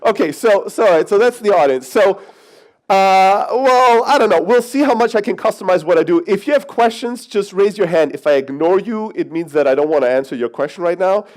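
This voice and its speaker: A Greek man in his thirties, raised in Germany, gives a brash, joking keynote in a conference hall, swearing now and then and kidding with the audience. His high, expressive voice is brisk and a little mellow, and the audio is poor.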